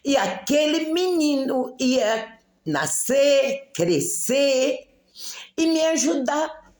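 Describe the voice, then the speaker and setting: A woman's voice: sits high, sing-song, extremely slow, darkish tone, echoey room. A middle-aged woman giving a religious testimony in church, telling her story with feeling and acting out the dialogue.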